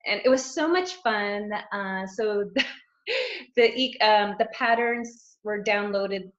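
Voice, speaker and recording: A woman's voice: medium pitch, takes it slowly. A middle-aged woman, a guest coach, chatting casually in an interview, rambling and laughing often. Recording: roomy, dull lo-fi sound.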